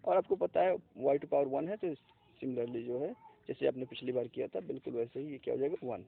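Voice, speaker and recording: A man's voice: medium pitch, brisk, vocal fry, husky. A man teaching a math lesson step by step, mixing in English terms and asking and answering his own questions. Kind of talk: classroom math lecture. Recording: tinny lo-fi, phone-like recording.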